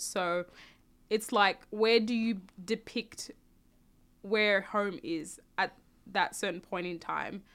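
Reflective young woman, smooth clear voice. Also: mid-range voice, a bit bright. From South Sudan. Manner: reflective, thinks aloud with restarts and "you know". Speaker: interviewee. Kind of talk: casual conversational interview.

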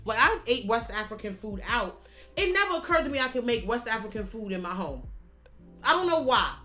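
American woman, thirties, blunt, emphatic casual talker with a slightly high voice. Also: big pitch swings, fairly quick, bright, forceful tone, soft background music. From United States. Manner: frank and emphatic, swears freely. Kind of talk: casual conversation.

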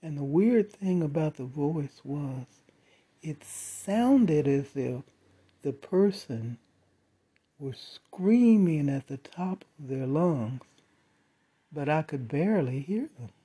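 A storyteller calmly recounting a first-person eerie encounter with measured pauses. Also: mid-range voice, husky. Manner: slow, measured retelling with dramatic pauses.

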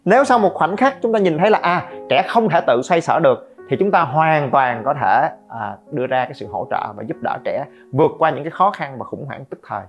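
A middle-aged man hosts a podcast about parenting and makes lively, joking asides to listeners. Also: on the high side, brisk, few pauses. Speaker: podcast host. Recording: slightly dull, faint guitar music.

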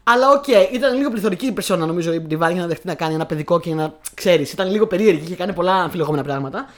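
A woman's voice: lowish voice, lively intonation. A young woman co-hosting a casual film chat, talking in a chatty, hesitant way with many fillers. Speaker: co-host.

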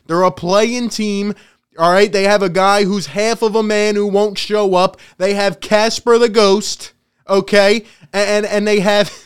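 A man with a high, clear voice rants gleefully about sports. He gloats, laughs often and swings between loud jabs and quieter asides. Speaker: sports vlogger. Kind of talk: casual sports rant.

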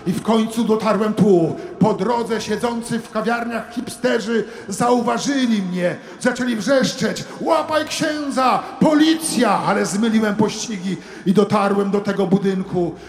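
A man delivering a satirical sermon monologue as a comic preacher, theatrical, moving from hushed asides to shouted preaching. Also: high voice, fairly even intonation, moderate pace, hardly any pauses, roomy sound, big-room sound, faint music behind.

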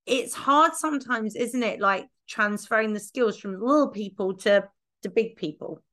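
A woman hosts a podcast, chatting casually as a dog trainer, poking fun at herself and laughing often. Her voice is medium-pitched and a bit bright, at a normal speed.

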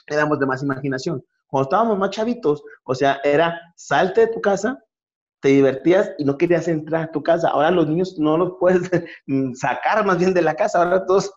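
Fast-talking joking Mexican man. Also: fairly high pitch, muffled recording. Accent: Mexican Spanish. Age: middle-aged. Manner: joking storyteller, many restarts. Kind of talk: casual comedic chat.

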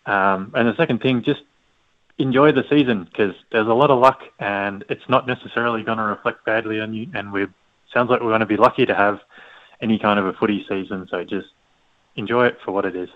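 Lowish man, phone-like sound. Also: a little fast, no echo. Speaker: podcast panellist. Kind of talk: casual advice-giving chat. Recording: tinny phone-like line.

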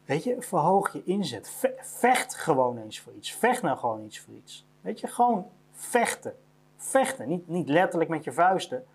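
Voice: mid-range voice, sing-song, moderate pace, slightly rough. A business owner giving a blunt motivational monologue about career advice, repeating each point to hammer it home.

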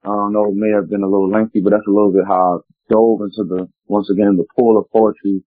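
A man's voice: lowish voice, level tone, quick pace, no room sound. A man telling his personal story as an interview guest, in an earnest, meandering, reflective way. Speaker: guest, spoken word poet. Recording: tinny phone-like line, dry.

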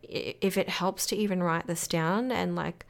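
A woman's voice: fairly low pitch, fairly even intonation, moderate pace, gravelly. A young woman, hosting a podcast in a rambling, reassuring way, her morning voice cracking. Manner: rambling, reassuring, many fillers. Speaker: podcast host. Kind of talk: casual solo podcast talk.

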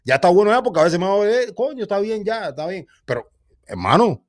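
Insistent high-voiced Cuban man. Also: very animated, fast. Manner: insistent, pleading, repeats himself. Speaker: boxing show co-host. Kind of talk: heated casual sports debate.

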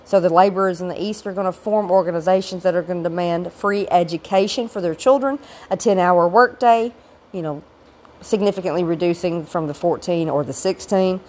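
A woman with a gravelly voice, getting over a cold, giving an informal recorded history lecture as a teacher with explanatory asides. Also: on the low side, brisk, a little mellow.

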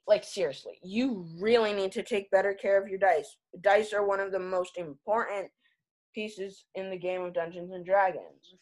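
A woman acting as game master, narrating a tabletop game casually in a halting, improvised way. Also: medium pitch, steady tone, a little mellow, poor audio.

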